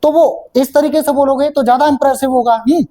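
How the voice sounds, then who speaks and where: A man's voice: very high voice, steady tone, brisk, dark tone, rough recording. A man coaching students for an interview, explaining step by step and checking in often. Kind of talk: classroom coaching talk.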